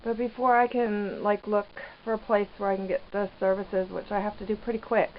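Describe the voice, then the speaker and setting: A woman giving rambling, hesitant, casual vlog commentary from inside a small trailer, pausing mid-sentence. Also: medium pitch, little pitch movement. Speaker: vlogger living off grid in a trailer. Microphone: handheld camera microphone. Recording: dull lo-fi camera audio, background noise.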